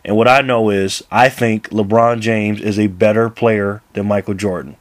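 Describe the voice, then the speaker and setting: A man's voice: lowish voice, steady tone, normal speed, dry recording. A man in his thirties talking casually to camera about basketball, laughing often and rambling with restarts. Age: 30s. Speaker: basketball vlogger.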